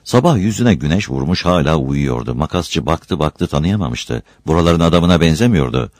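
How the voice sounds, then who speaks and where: A man's voice: extremely low pitch, animated, moderate pace, a little mellow, no room sound. A man narrating a novel chapter as an audiobook, telling the story expressively.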